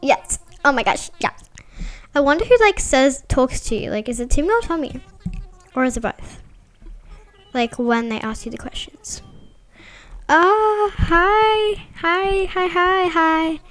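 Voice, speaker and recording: A woman giving casual, chatty gameplay commentary as a vlogger, excitable and full of fillers. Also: high-pitched, moderate pace. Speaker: gaming vlogger.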